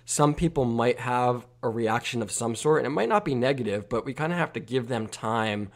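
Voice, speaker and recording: An earnest man hosts a relaxed podcast conversation. He asks open questions and backs up his guests. His voice sits at a middling pitch. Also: moderate pace. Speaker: podcast host.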